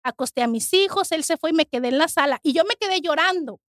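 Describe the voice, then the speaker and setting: A woman giving an emotional personal testimony, earnest and halting, often restarting her words. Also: high-pitched, expressive, a bit bright, dry recording, studio quality. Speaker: guest sharing testimony.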